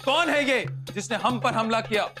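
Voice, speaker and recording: A man's voice: very high voice, moderate pace. An actor playing a pompous man who believes he is an emperor, speaking with a grand royal "we". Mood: imperious. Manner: grand royal "we", haughty commands. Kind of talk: TV comedy acting. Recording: music under the scene.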